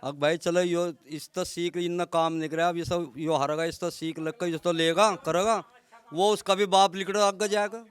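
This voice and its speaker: A man interviewed on the street, muttering his answer in a low-key way. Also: fairly even intonation, moderate pace, clear, resonant tone. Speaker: villager interviewed.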